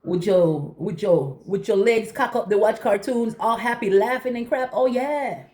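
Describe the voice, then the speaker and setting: A middle-aged woman chatting casually to viewers while eating, telling stories in an animated way and acting out conversations. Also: mid-range voice, moderate pace. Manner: talking while eating breakfast. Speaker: vlogger.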